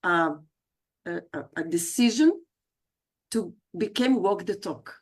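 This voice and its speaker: Introducing herself as a guest speaker on a livestreamed video call, a South American leadership coach talks in a chatty, personal manner with many hesitations and self-corrections. Her voice is on the low side, animated and slow, with a breathy edge.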